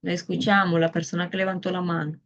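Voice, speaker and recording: A woman's voice: on the low side, flat delivery, quick pace, fairly bright tone, muffled recording. A woman teaching a class, explaining patiently step by step and asking her students questions. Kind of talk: online Spanish class.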